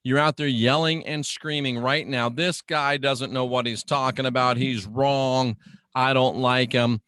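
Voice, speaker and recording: This male radio host preaches a dramatic monologue, repeating phrases and posing rhetorical questions to listeners in an emphatic, deliberate, showman-like way. His voice is medium in pitch, steady, fairly bright and clean, on a dry recording.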